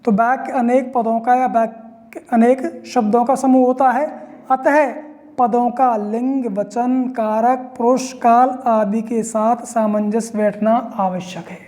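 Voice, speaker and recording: High-voiced woman teaching grammar. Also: fairly even intonation, slow pace, warm tone. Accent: Hindi. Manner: explains step by step, asks and answers own questions. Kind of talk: online grammar lesson.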